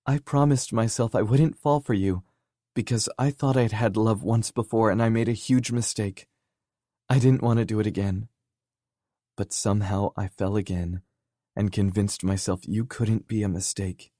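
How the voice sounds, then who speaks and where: A man's voice: fairly low pitch, fairly even intonation, moderate pace, mellow, no echo, clean studio sound, pitched above the performer's own voice, natural voice. A man voicing a heartbroken young woman. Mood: hurt, pleading. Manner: pleading, emotional confession.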